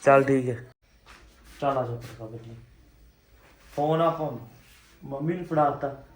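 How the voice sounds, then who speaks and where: A man's voice: mid-range voice, measured pace. A man with a Punjabi accent, filming a casual home vlog and coaxing and reassuring a small child. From Punjab, India. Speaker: family vlogger. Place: indoors at home. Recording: echoey room, faint background hum.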